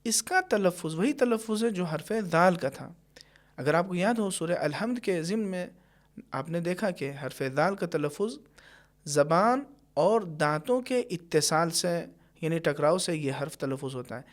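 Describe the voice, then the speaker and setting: A man teaching Quran recitation, explaining pronunciation patiently and carefully, and slowing down to demonstrate each sound. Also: high-pitched, lively intonation. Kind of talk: tajweed lesson with slow recited examples.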